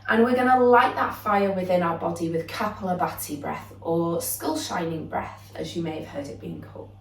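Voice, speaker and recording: Calm yoga teacher, slightly distant. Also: female voice, on the low side, moderate pace, vocal fry, slight background noise. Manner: calm, explanatory, with frequent "um" fillers. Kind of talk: yoga lesson introduction. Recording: roomy echo, voice a bit off-mic.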